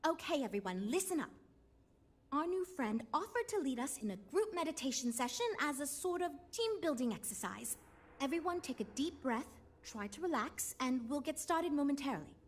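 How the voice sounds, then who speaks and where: An actress voicing a weary but earnest starship designer in a video game, speaking in a dry, wry, patient way. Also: female voice, sits high, very animated, moderate pace. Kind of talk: video game character dialogue.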